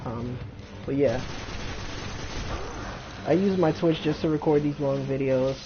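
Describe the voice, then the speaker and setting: A man's voice: mid-range voice, measured pace. A man chatting casually over gameplay as a streamer, with slightly slurred articulation from an overbite, in slangy, repetitive phrasing. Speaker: video game streamer. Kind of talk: casual gameplay commentary, rambling chat. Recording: noisy, dull home stream audio.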